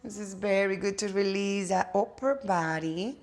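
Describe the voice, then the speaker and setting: A yoga instructor from Cuba, a native Spanish speaker with a Cuban Spanish accent, leads a class with slow, soothing cues and playful asides. Her voice is medium in pitch.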